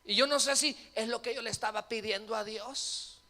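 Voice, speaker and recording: Bit: male pastor playing a needy woman parishioner, high and pleading, rambling on, bright voice in a reverberant church. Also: normal speed. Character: desperate female churchgoer wanting a man.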